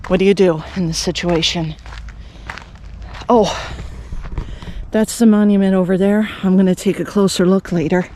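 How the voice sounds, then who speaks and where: The speaker is a Canadian vlogger whose high voice carries a darkish tone, with slight background noise. He narrates a casual walking vlog outside at a rural cemetery, chatting and rambling with plenty of fillers and false starts.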